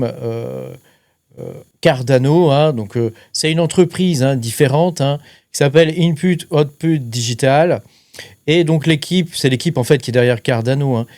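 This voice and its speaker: Talking to the camera in a relaxed explainer, a man running a crypto mining channel leans on fillers and keeps adding "hein" as a tag question after nearly every phrase. His darkish voice sits on the high side, in a dry recording of studio quality.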